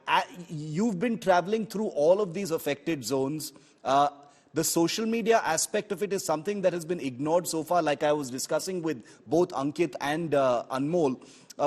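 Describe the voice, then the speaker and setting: A man with an Indian accent anchoring a live investigative news exposé, talking unscripted in a halting, discursive way. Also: fairly high pitch, a little mellow, slightly rough.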